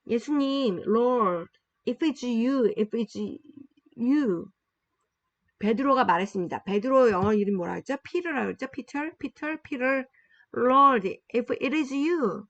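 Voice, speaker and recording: A female instructor reads English sentences deliberately during a Bible-centered lesson, repeating phrases for learners and explaining things in Korean. Her pitch is fairly high and her delivery animated. The audio is dull, without echo.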